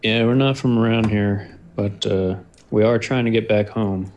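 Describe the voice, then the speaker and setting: A man's voice: on the low side, steady tone, normal speed, a little mellow, dull audio, slight background noise. A man playing a tabletop game, talking casually in character.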